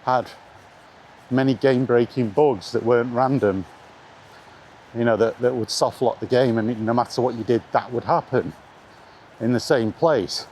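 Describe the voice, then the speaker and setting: Walking through the rain, a middle-aged video blogger shares his blunt, casual take on retro games, restating points to drive them home. His voice is medium in pitch and somewhat dark, with a normal pace and frequent pauses. Ambient noise fills this noisy outdoor recording.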